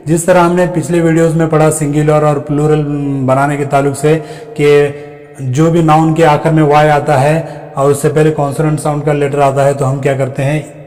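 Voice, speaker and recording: A man's voice: on the high side, darkish tone, long reverb tail, rough recording. A man teaching a grammar lesson, patiently asking and answering his own questions and spelling out word forms one by one.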